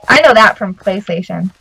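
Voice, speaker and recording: A woman chatting casually as a guest while gaming, bubbly and quick to laugh. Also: mid-range voice, vocal fry, sharp tone, husky, rough recording. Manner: giggly and bubbly. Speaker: guest gamer.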